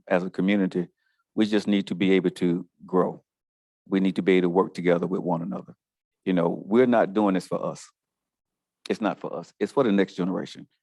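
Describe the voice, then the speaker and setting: A man's voice: low voice, darkish tone, dry recording. A man, a radio talk show host, speaking informally as a panelist.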